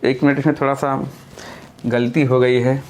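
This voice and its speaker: A man's voice: mid-range voice, little pitch movement, normal speed, slight background noise. A man teaching a lesson, who explains patiently step by step, repeats key points and corrects himself as he goes. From India. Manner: self-correcting, thinking aloud mid-explanation. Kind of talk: classroom-style lesson.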